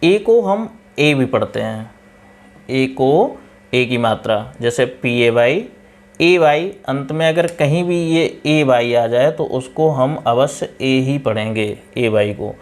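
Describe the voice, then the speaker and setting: A man's voice: medium pitch, expressive, takes it slowly. A male teacher with an Indian accent giving a pronunciation lesson in Hindi, spelling words out letter by letter. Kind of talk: spoken English pronunciation lesson.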